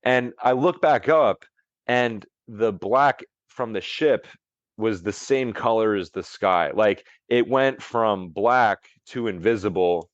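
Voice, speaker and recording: A longevity coach on a podcast tells a meandering story, leaning heavily on "like" and restarting his sentences. His pitch is fairly low and his pace slow. The audio is dull, with no room sound.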